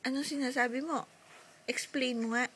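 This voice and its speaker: A woman's voice: high voice, steady tone, normal speed, fairly bright tone, slightly rough. A young woman, a mother, chatting and teasing her baby in playful sing-song baby talk at home.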